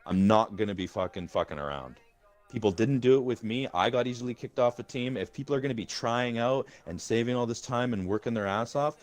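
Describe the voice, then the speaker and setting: A man leading a gaming group in casual voice-chat talk, rambling and swearing, restarting his words often. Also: on the low side. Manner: rambling and profane, with many restarts. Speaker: gaming community leader.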